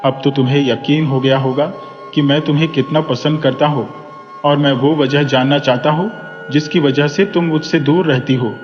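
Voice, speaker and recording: A man's voice: on the high side, steady tone, moderate pace, close to an everyday voice. A man doing a playful lovestruck young professor. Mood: affectionate. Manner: warm, coaxing, teasing. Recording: dull reverberant recording, soft music.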